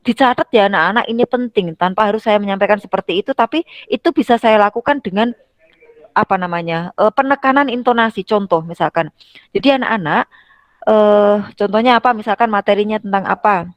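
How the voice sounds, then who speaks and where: With a medium-pitched voice that moves a little fast, a middle-aged woman who lectures at a university discusses teaching skills in a conversational way. She acts out classroom scenes, changing her intonation as she goes, and the recording has no echo.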